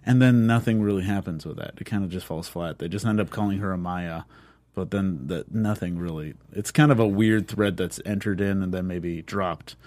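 Low-voiced man chatting about a TV episode. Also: a little mellow, dry recording. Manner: chatty, quick reactions and asides. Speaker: podcast co-host. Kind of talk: casual TV review chat.

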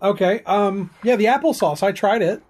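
A woman co-hosting a podcast, chatting casually while taste-testing food, with upbeat reactions and quick asides. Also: medium pitch, darkish tone. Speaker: podcast co-host. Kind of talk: casual chat, food tasting.

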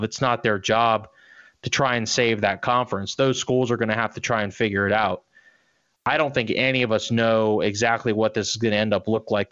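A man's voice: lowish voice, a bit bright, clear, resonant tone, dry recording, highs cut off. A man in his thirties co-hosting a sports podcast, giving blunt, opinionated takes in casual talk. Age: 30s. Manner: opinionated, blunt, restarts a lot. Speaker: podcast co-host.

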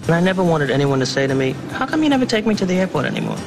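An actor playing a fast-talking man in a film scene who lays out his opinionated theory about relationships. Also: high-pitched, big pitch swings. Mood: insistent. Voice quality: quick, insistent and opinionated. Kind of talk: film dialogue. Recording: film clip with music under the voice.

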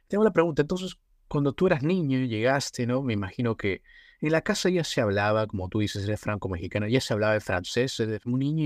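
A man's voice: fairly low pitch, no room sound, studio quality. A man hosting a podcast interview, rambling and rephrasing, often tagging on "¿no?". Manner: rambling, rephrasing, tag questions like "¿no?". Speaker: podcast host. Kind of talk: casual interview conversation.

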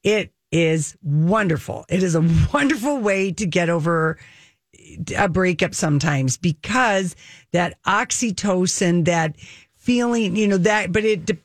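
A woman's voice: on the low side, unhurried, no room sound. Candid, bawdy woman in a dry studio. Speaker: talk show host. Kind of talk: casual relationship advice chat.

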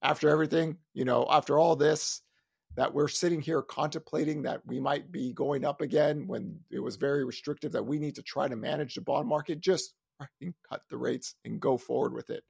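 A man, a lead analyst, talking in a casual podcast chat, animated and exasperated, with loud ranting outbursts. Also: fairly high pitch, fairly quick, creaky, breathy edge, no echo.

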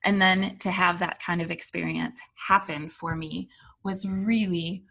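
A woman telling a personal spiritual story in a casual, animated way, rambling and full of "like" and "um". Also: fairly low pitch, a little slow, gravelly.

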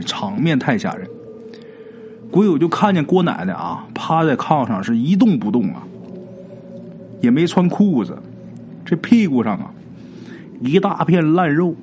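A man telling a horror story in a colloquial, drawn-out way, with many filler particles. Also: mid-range voice, a little mellow, a little hiss or hum.

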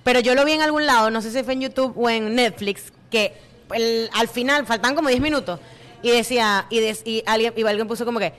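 A young woman with a Venezuelan accent chats with friends, full of slang and lively storytelling. She speaks very quickly in a slightly high voice. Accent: Venezuelan Spanish. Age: young adult. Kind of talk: casual chat.

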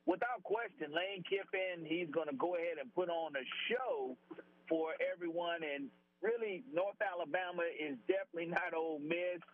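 A man's voice: sits high, animated, normal speed, no room sound. A man calling in from his car to make confident sports picks, his voice tinny and tin-can-like over a phone line. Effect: tinny tin-can sound over a phone line. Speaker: sports radio co-host. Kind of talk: sports radio prediction segment.

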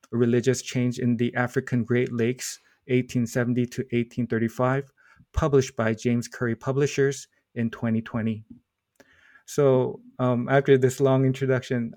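A man's voice: mid-range voice, a little mellow, dry recording, clean studio sound. A man hosting a podcast, reading formal guest introductions with small stumbles. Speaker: podcast host.

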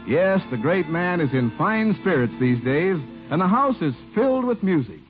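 Old radio announcer, man, high lively voice, polished sales delivery, tinny vintage broadcast. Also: normal speed. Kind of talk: old radio announcer, scripted show introduction and sponsor message. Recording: tinny vintage radio recording with faint music.

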